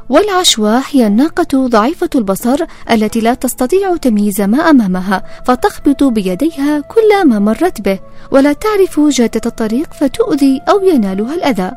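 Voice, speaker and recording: A woman giving scripted educational narration in a measured, formal recitation. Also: sits high, sing-song, darkish tone. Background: faint music.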